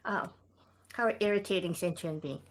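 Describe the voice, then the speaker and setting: A woman's voice: lowish voice, moderate pace. A woman playing in a tabletop game, polite and hesitant, with many fillers. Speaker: player. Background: faint background music.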